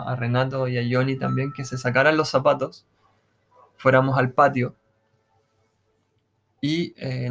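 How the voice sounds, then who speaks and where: A man telling his own paranormal experience in a relaxed, halting, casual way, full of restarts and slang. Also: medium pitch. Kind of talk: casual first-person storytelling.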